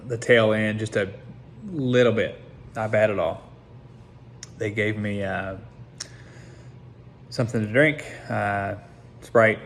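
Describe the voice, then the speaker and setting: A low-pitched American man gives a casual personal update shortly after surgery. He sounds subdued and hesitant, feeling his way through each thought in short, halting phrases. There is noticeable noise behind his voice. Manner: hesitant, halting, recalling piece by piece. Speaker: patient recording a recovery update. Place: seated at home, talking to camera.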